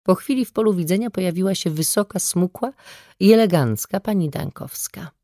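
A woman narrating a first-person audiobook in a measured, even storytelling manner, close to the microphone. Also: lowish voice, dry recording.

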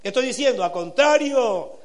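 A man preaching a sermon to young people, earnest, asking rhetorical questions and swinging between quiet and loud passages. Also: extremely high pitch, expressive, moderate pace. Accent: Latin American Spanish.

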